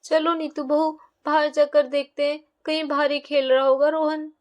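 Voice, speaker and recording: Woman doing a calm granny, soothing, high voice. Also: moderate pace, natural voice. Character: older grandmother, calm and reassuring.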